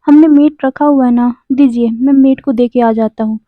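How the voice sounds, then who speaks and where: A woman's voice: on the high side, steady tone, moderate pace, dry recording, lightly acted. A woman voicing a pleading young husband. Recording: dry, phone-like narrow sound.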